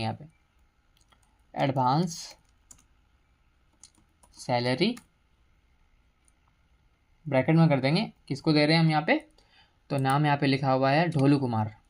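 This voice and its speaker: A woman teacher giving a step-by-step software tutorial at her computer, explaining each entry while mixing English terms into her speech. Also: sits low. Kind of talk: screen-recorded software tutorial.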